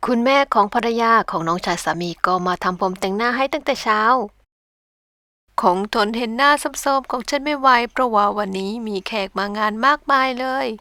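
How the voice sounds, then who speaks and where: A woman's voice: a little high, expressive, normal speed, pushed and bright, dry recording. A middle-aged woman telling her own story in a candid, reflective way for her vlog. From Thailand. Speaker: vlogger. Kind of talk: personal narration. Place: home in Japan.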